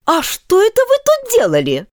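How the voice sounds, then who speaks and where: A woman playing a shrill raging queen. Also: wildly swooping pitch, moderate pace, no echo, clean studio sound, exaggerated voice. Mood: furious. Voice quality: shrill, shouting. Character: furious shrieking tyrant queen.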